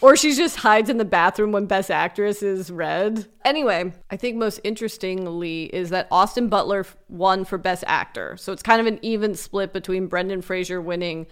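A woman's voice: medium pitch, normal speed, few pauses, clear, resonant tone. A woman co-hosting a casual pop culture podcast, chatty and joking, laughing often. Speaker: podcast co-host. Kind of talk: casual chat.

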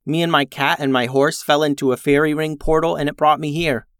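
An earnest young girl lost far from home, her voice pitched high and pleading, as a storyteller puts her on. Every word comes close and dry in a storybook reading. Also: flat delivery, a little fast, a bit bright, smooth, no room sound, natural voice.

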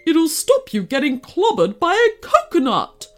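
A woman's voice: very high-pitched, huge pitch swings, measured pace, a bit bright, soft background music, voice pushed up, heavily acted. A woman voicing a small, brave male cotton dog who speaks urgently and emphatically.

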